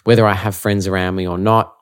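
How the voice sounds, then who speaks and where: A man's voice: low-pitched, flat delivery, quick pace, clear, resonant tone. A man with an Australian accent, chatting casually and informally as an interview guest. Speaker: musician being interviewed. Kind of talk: casual chat.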